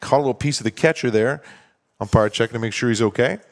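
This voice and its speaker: A man calling a baseball game play-by-play, talking steadily and conversationally and explaining strategy between pitches. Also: fast talker. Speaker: play-by-play announcer. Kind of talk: baseball commentary.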